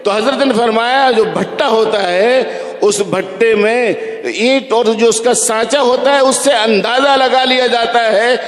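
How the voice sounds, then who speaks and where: A man preaching a sermon in a mosque, telling stories and slowly chanting recitation examples. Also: very high voice. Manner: storytelling, slows to chant Quran recitation examples. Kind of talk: religious sermon. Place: large echoing mosque hall. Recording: echoey hall reverb.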